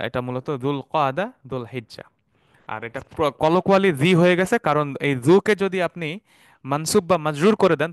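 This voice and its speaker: A man's voice: medium pitch, dry recording, clean studio sound. A man teaching a Quranic Arabic class, explaining words step by step, repeating terms and asking the class questions. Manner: mixes English words into Bengali explanation. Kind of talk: recorded online class.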